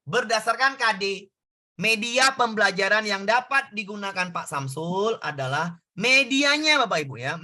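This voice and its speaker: A male tutor works through exam questions in a casual, back-and-forth way and keeps asking his students for answers. His voice sits high for a man. It sounds very bright and sharp. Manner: conversational, asks students questions. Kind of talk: exam prep lesson.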